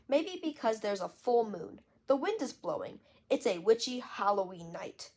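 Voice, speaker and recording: A woman's voice: a little high, big pitch swings, normal speed, a little mellow. A woman reading aloud, voicing a bold, dramatic little girl who loves witch stories. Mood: eager.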